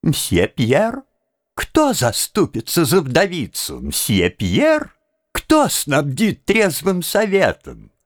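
A man's voice: on the high side, wildly swooping pitch, slow, dry recording, clean studio sound, pitched above the performer's own voice, heavily acted. A man voicing a chatty, smug jailer who boasts and talks down as if to a child. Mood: cloying. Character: chatty, smug, cloying male jailer-executioner.

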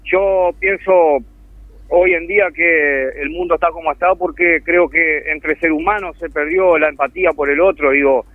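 This Uruguayan-accented charity volunteer calls in to a radio show for a casual phone interview, speaking in a heartfelt, earnest, rambling way at length. He keeps a steady tone at a moderate pace, his voice a little high. There's no room sound, just a tinny, dry phone line.

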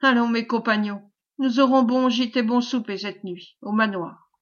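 Casting: a woman reading a hearty, teasing knight, round good-natured voice, slightly high, dull lo-fi storybook audio. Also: steady tone, normal speed, natural voice. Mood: cheerful. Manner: teasing, laughing. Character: jovial, hearty male knight, good-humoured.

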